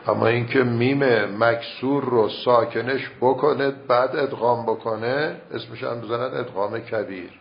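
A man teaching recitation rules in a measured, step-by-step way, reciting verse examples as he explains. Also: mid-range voice, gravelly. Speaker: religious teacher. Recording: muffled lo-fi recording with faint noise.

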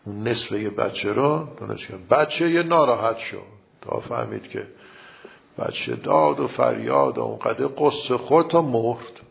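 A man's voice: medium pitch, vocal fry. A man preaching by telling a religious story in a casual, conversational way and speaking the characters' lines in his own plain voice. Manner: colloquial, retells dialogue in plain voice. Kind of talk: storytelling sermon. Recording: dull lo-fi recording.

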